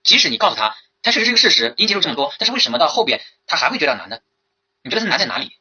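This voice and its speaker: A man teaching as a language instructor in a recorded exam-prep lecture, lively and full of rhetorical questions. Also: fairly high pitch, rapid-fire, breathy edge, highs cut off.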